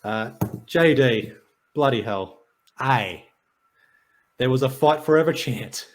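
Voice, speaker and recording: A man's voice: medium pitch, animated, takes it slowly. Man reading sports stats. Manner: reads stats, dry jokey rundown. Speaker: podcast co-host. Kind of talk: casual sports and wrestling chat.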